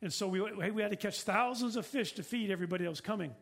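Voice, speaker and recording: A man's voice: sits high, fast, vocal fry, a bit bright. A middle-aged man preaching a sermon as pastor, earnest and repetitive, with rhetorical questions.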